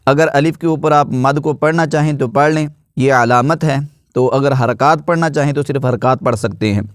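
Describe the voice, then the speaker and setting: A man teaching Quran recitation with an Urdu accent, spelling out letters and vowel marks one by one in a slow, drawn-out way, then explaining the rules more quickly. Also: medium pitch, clean tone, dry recording, clean studio sound.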